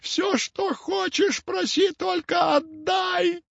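A man voicing a crafty, spiteful old witch woman with a whiny, nasal, creaky voice. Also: very high voice, steady tone, slow, fairly bright tone, no room sound, shouting, dull audio, voice pushed up, heavily acted. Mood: wailing.

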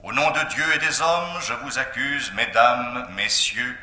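A booming accusing voice. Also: male voice, lively intonation, sharp tone. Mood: solemn. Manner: solemn, slow, declamatory. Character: disembodied accusing voice from a gramophone record. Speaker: recorded accusing voice. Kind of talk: 1970s French radio drama. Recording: roomy reverberant sound.

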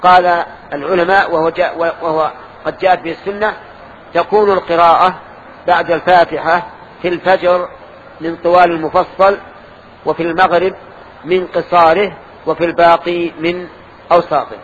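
An older man teaches a lesson in a mosque, asking his students questions and correcting their answers. His voice sits high for a man. The recording is dull and lo-fi, with a faint hiss underneath. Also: level tone, moderate pace, long pauses, fairly bright tone. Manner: quizzing students, correcting them, explaining. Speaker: religious teacher.

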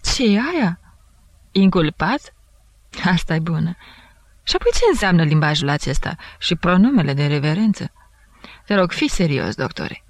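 A woman performs a jovial, puzzled middle-aged male investigating judge, producing a fairly high, animated man's voice with no room sound. The judge speaks in a familiar, bantering tone, jovial and incredulous.

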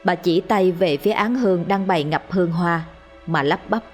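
Woman storyteller, lowish voice, steady suspenseful ghost-story reading, faint music under it. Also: normal speed. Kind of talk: scripted narration of a ghost story.

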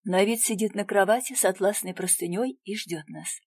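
Female audiobook narrator, quiet tense delivery, medium pitch, dry booth sound. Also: fairly quick, slightly rough, no echo. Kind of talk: first-person audiobook narration.

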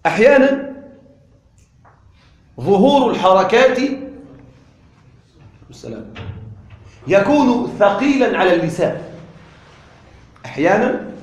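A man with a high voice teaches grammar and keeps asking his listeners questions to check they follow. He repeats each point and stretches words slowly to demonstrate pronunciation. The room around him echoes. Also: very animated. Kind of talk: classroom lesson.

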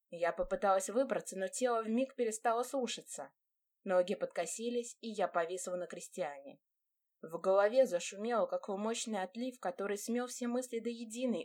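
A woman narrating a first-person audiobook at a middling pitch. She tells the story expressively, voicing the heroine's own thoughts. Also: a little mellow.

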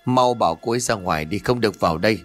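Brief: male narrator voicing a stern old exorcist in an audio ghost story, low, grave and commanding, faint music behind. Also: racing, lightly acted. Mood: urgent.

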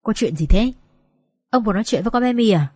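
A blunt, exasperated friend who snaps back quickly, voiced by a woman narrator. The pitch is raised, in a dry, close recording. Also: animated, darkish tone, breathy edge, no echo. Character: brash, blunt male friend.

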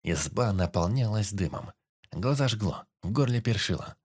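Low-voiced male audiobook narrator. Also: animated, normal speed, darkish tone, husky. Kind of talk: scripted narration.

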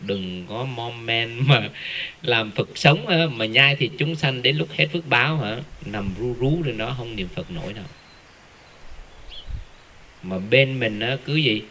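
Bright-voiced man giving a Buddhist talk. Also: mid-range voice, unhurried. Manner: animated, rhetorical questions, joking asides. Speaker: Buddhist lay Dharma speaker. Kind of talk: casual Dharma talk.

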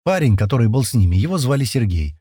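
A man's voice: medium pitch, very animated, fast, warm tone, breathy edge, dry recording, clean studio sound. A man reading a first-person adventure story in a colloquial, storytelling way. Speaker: narrator. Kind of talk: first-person audiobook narration.

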